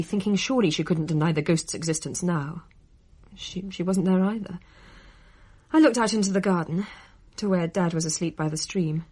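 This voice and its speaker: A woman's voice: mid-range voice, a little mellow, breathy edge, lightly acted. An actress playing a young adult daughter narrating her family's story in a radio play, in a dry, matter-of-fact way.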